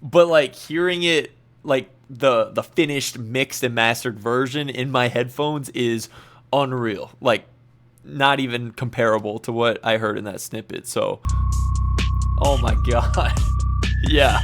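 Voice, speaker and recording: A man hosting a music reaction channel, giving casual, excitable commentary and laughing often as he gushes. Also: medium pitch, unhurried.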